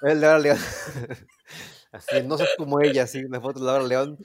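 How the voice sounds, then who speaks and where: A man with a Mexican accent co-hosting a casual comedy chat, talking haltingly with many restarts and jokes. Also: mid-range voice, steady tone. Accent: Mexican Spanish. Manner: halting, repetitive, joking. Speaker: podcast co-host.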